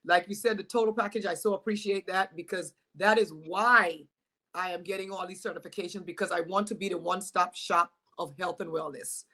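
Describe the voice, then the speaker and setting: A woman's voice: on the low side, fairly even intonation, a little fast, pushed and bright. A woman in her forties from Guyana, a fitness coach, talking about herself in an upbeat, grateful way. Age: 40s. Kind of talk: casual interview chat.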